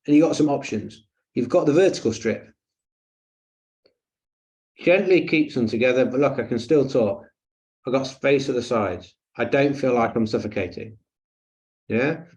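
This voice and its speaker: A man's voice: mid-range voice, moderate pace, pauses often, darkish tone. Chatty male breathing coach. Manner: chatty, jokey, rambling with fillers. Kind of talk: webinar teaching.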